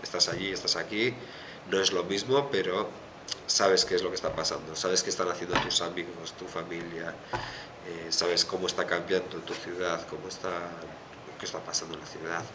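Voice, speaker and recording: A man from the Basque Country with a Basque Spanish accent, answering interview questions thoughtfully with many pauses and fillers. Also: low-pitched, level tone. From Basque Country, Spain. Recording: background noise.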